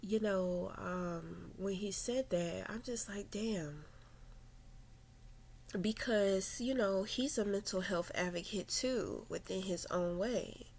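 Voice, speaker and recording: Woman vlogger, slow, halting confessional delivery with fillers and occasional near-whispers. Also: medium pitch, vocal fry, darkish tone. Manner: reflective, halting, with many fillers and restarts. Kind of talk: personal confessional storytelling.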